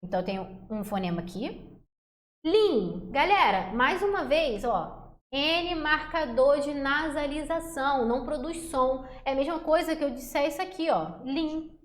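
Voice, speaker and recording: A high-pitched woman gives a chatty exam-prep lesson, constantly checking in with her students. She sounds out letters and syllables slowly and deliberately. The recording is roomy, with a noticeable echo. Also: lively intonation. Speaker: Portuguese teacher. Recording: echoey room.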